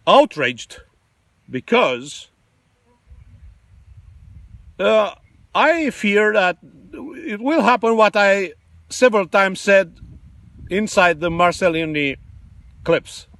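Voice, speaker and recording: A man with a Romanian accent, giving emotional political commentary, halting and full of fillers. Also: high-pitched, expressive, a bit bright, no echo. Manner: impassioned, halting, many fillers and restarts.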